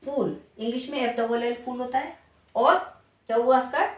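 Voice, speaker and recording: A woman teaching a spelling lesson, her fairly high voice explaining each point slowly. She asks the class questions and then answers them herself. She sits back from the mic in a room with a lot of echo. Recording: echoey room, voice from far off.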